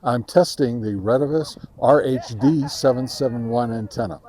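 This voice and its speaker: Outdoors in a park, the host of a radio gear review channel gives casual field-test commentary. His mid-range voice has a dark tone, and his delivery is halting and hesitant.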